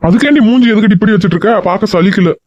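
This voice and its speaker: Gruff grumbling dad, woman putting on a deep voice, dull dry lo-fi sound. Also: racing, a little mellow, dry recording, lightly acted. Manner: grumbling, scolding. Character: middle-aged father, gruff and puzzled.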